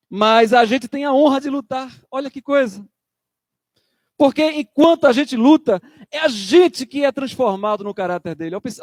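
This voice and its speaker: Male pastor, emphatic sermon delivery, high voice, dry close sound. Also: no echo. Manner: emphatic preaching, acts out church members in quotes.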